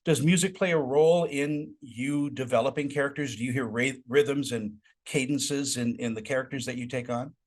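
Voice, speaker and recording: A man's voice: mid-range voice, moderate pace, few pauses. Man, interview host, friendly encouraging questions, occasional stumbles. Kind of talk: celebrity interview.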